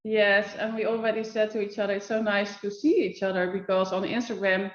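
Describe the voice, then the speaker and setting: A woman's voice: mid-range voice, level tone, fairly quick. A woman hosting an interview over a video call, speaking hesitantly with many fillers, heard on echoey, dull-sounding audio. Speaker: host, photography coach. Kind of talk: casual interview conversation.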